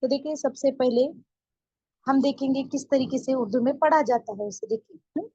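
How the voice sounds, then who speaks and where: Female teacher, higher voice, patient repeating style, dull dry lo-fi recording. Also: dark tone, breathy edge, no room sound. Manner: slow drawn-out counting. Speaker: Urdu teacher. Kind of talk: online beginner lesson.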